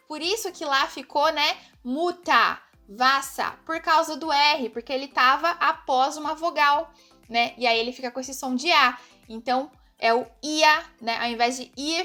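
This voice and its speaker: A high, bright-voiced Brazilian woman gives an online language lesson. She explains patiently, often checks in with quick tag questions, and slows down to repeat example words. Soft music plays faintly underneath. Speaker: German teacher.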